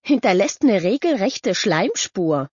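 A woman's voice: mid-range voice, big pitch swings, takes it slowly, a little mellow, husky, dry recording, voice pushed up, exaggerated voice. A woman voicing an earnest, chatty teenage girl who talks insistently. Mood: eager. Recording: dull lo-fi audio.

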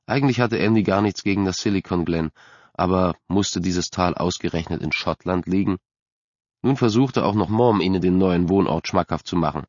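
A man reading a story aloud in a steady, measured way as an audiobook narrator. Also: sits low, no echo. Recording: dry, slightly dull recording.

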